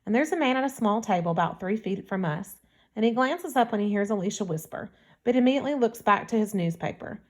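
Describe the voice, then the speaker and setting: Female audiobook narrator, first-person story, steady storytelling delivery. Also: mid-range voice, fast.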